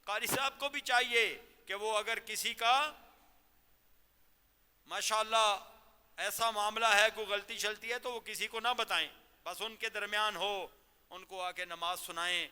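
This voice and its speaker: A man giving a Ramadan sermon as a cleric, exhorting and questioning his listeners and slowing down to demonstrate careful recitation. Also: high-pitched, fairly even intonation, pushed and bright, clean tone. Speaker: cleric teaching Quran lesson. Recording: long reverb of a large hall.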